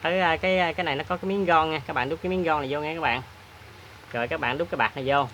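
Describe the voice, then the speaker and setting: A man hosts a hands-on repair demonstration, talking in a chatty, plain-spoken way with many filler pauses. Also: fairly high pitch, a bit bright, a little hiss or hum. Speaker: repair tutorial host.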